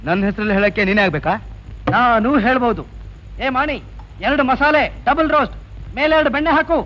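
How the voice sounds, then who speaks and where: An actor playing a boastful, bossy local tough who lectures and orders others around. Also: male voice, very high voice, fairly quick, slight background noise. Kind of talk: 1980s film dialogue. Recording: dull old film soundtrack with music.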